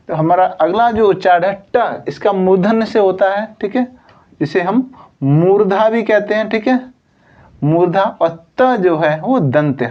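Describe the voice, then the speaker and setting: A man teaching Hindi in an online coaching class. He explains slowly, sounds out letters one at a time, and keeps checking with "theek hai". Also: high-pitched. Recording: slightly dull lo-fi sound.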